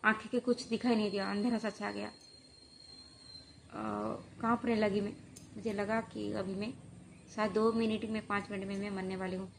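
A woman vlogger telling a personal story in a halting, hesitant way, full of pauses and fillers. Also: medium pitch, level tone, vocal fry, a little hiss or hum.

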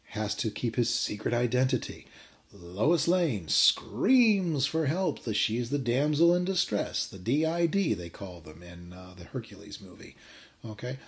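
A man teaching a high school English class, giving a chatty recorded lecture. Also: gravelly. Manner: chatty, lively, acts out brief voices.

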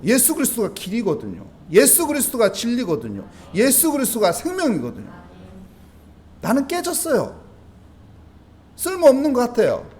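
A man preaching at an early-morning church service as pastor. He asks the congregation questions and acts out prayers and dialogue. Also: very high voice. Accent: Busan. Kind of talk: dawn service sermon.

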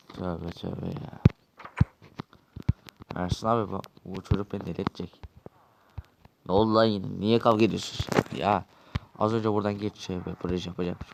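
A man's voice: sits low, gravelly, background noise. A man acting out a quarrelsome, swearing Minecraft role-play dialogue.

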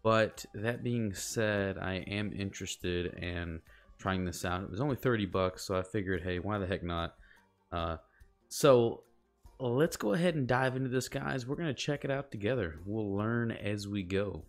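A man's voice: lowish voice, normal speed, soft background music. A man commentating while playing a game, with casual, joking asides. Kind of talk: let's play commentary.

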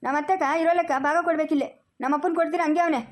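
A woman's voice: high voice, fairly even intonation, racing. A woman acting a son who argues for his wife in an amateur family drama, insistent and argumentative.

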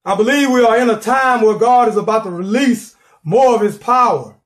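A man's voice: very high voice, moderate pace. A middle-aged man preaching a sermon from his living room, fervent and repeating words as he builds, calling for responses.

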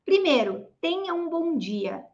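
A woman with a Brazilian Portuguese accent teaching English pronunciation online in a lively, chatty way, drawing out example phrases slowly. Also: extremely high pitch, lo-fi sound.

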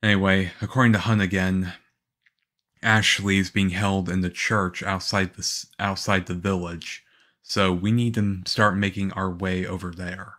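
Man acting as Leon Kennedy, low, unhurried young agent. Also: level tone, fairly bright tone. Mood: calm, casual. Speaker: audio roleplay voice actor. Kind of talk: ASMR roleplay acting.

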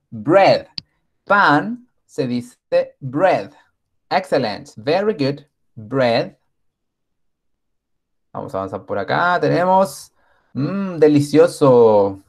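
Slow, patient male teacher. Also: on the high side. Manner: slow, patient, praising often. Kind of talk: online class for young children.

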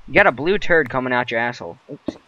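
A man's voice: mid-range voice, lively intonation, fast, sharp tone, muffled recording. A young man giving casual gameplay commentary in a hyped, crude gamer-bro manner. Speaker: gaming video host. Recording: background noise, clicks.

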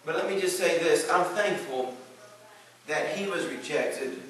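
A man preaching a sermon, reading Bible verses aloud and building to shouted emphasis. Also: on the high side, unhurried, very echoey, recorded from a distance, poor audio.

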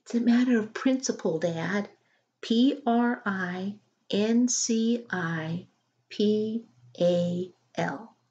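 A woman's voice: medium pitch, extremely slow, warm tone, highs cut off, pitched above the performer's own voice. A woman voicing an earnest, insistent young girl pleading with her dad in a storybook.

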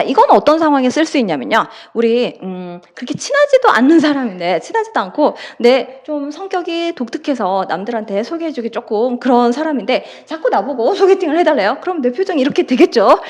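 Woman, English teacher, online lesson, fairly high voice, very animated pitch, acts out scenes, slow example sentences. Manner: lively, acts out example situations with laughs.

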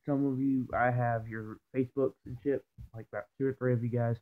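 A man's voice: medium pitch, level tone, a little fast. Man talking with dip in lip. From Georgia, US. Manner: profane, rambling, slangy. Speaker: vlogger. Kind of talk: casual vlog review. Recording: tinny phone-like audio.

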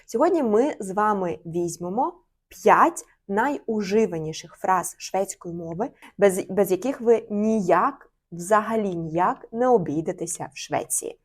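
A young woman, a Swedish teacher, runs a friendly online lesson at a medium pitch. She speaks clearly and repeats each phrase slowly so that learners can follow. Her delivery is steady and instructive.

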